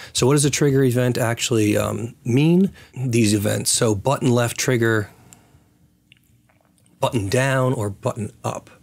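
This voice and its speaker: A man of medium pitch hosts a casual screen-recorded programming tutorial. His voice is raspy and full of creak, hoarse as if getting over a lost voice. He thinks aloud as he works. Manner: thinks aloud while working. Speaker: tutorial host.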